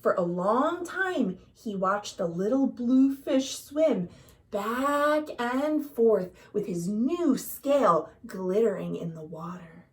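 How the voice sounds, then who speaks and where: Children's librarian storytime read: woman, high voice, unhurried, dramatic delivery aimed at young listeners. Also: expressive, far from the mic. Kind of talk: expressive picture-book read-aloud for children. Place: at home.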